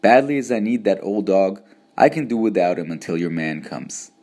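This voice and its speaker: A man's voice: low voice, moderate pace, darkish tone. A man reading an audiobook, voicing a polite, good-humored young cowman in a friendly, easygoing manner.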